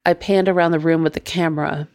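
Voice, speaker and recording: A woman podcast host narrating her own ghost story in a measured, deliberate way. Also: low voice, fairly even intonation, a little mellow, no echo, studio quality.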